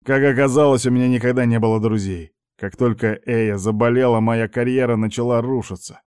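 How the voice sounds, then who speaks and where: A man reading an audiobook, voicing a sly middle-aged uncle who talks in a slow, drawn-out, mocking way. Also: medium pitch, steady tone, darkish tone, clean tone, no echo, studio quality, close to an everyday voice. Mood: pleading. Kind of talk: audiobook character voice.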